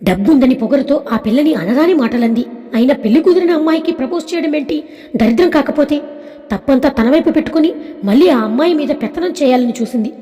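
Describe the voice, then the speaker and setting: A woman's voice: high voice, animated, fast talker, mellow. A woman voicing an elderly woman onlooker who disapprovingly comments on a quarrel. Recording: long reverb.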